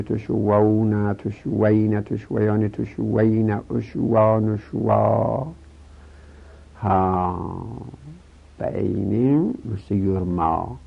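A man teaching a grammar lesson, his low voice gravelly with fry. He recites verb conjugations in a quick sing-song chant. The recording sounds dull and lo-fi.

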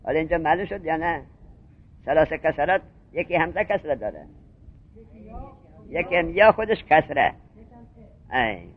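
Teacher, male, high lively voice, breathy, muffled lo-fi lecture tape, quizzes the room. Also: pauses often. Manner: questioning, repeats points to drill students. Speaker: seminary teacher. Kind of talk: classroom lecture on Arabic grammar.

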